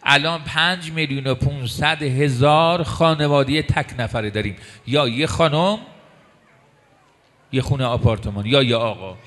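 A man preaching a sermon, emphatic, repeating key words and slowing down for weight. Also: mid-range voice, fairly bright tone.

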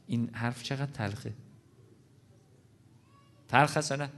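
Earnest man preaching a sermon. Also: medium pitch. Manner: earnest, explanatory, addresses audience directly.

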